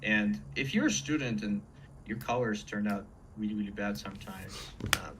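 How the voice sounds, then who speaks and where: A man's voice: lowish voice, normal speed. A man who teaches painting, chatting casually and enthusiastically on a livestream in an informal way. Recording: faint background room noise.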